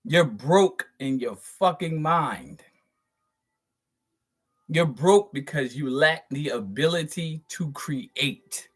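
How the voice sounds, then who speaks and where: Male channel host, somewhat high voice, profane preachy monologue, emphatic, chuckles between points. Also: animated. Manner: drawn-out, stressed words. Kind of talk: spiritual monologue to viewers.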